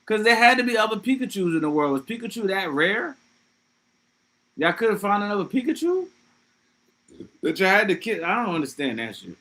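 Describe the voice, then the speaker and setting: A man's voice: high voice, very animated, fairly quick, pauses often, pushed and bright. A young man hosting a livestream, riffing loosely with profanity and jokes while reading chat. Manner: loose, profane, joking riffs. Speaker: livestream host. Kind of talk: casual livestream commentary.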